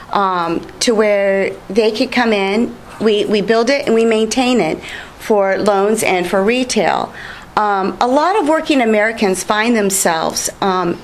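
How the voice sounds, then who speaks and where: A woman's voice: medium pitch, slight background noise, poor audio. A woman business owner being interviewed on TV, telling her story in a friendly, chatty way with fillers. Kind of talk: casual TV interview.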